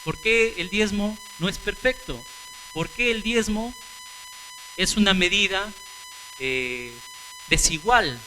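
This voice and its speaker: A man's voice: high voice, wildly swooping pitch, takes it slowly, long pauses, bright, forceful tone, slight background noise, low-quality recording. A man preaching a sermon, asking rhetorical questions and answering them, calling the congregation brothers and sisters.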